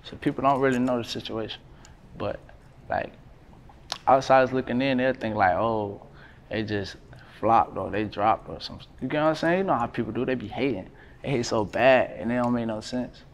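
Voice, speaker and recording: A man, talking casually in an interview, relaxed and slangy with lots of fillers. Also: medium pitch, fairly quick, slight background noise. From North Carolina, USA. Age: 20s. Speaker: rapper, interview guest. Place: indoors by a brick wall.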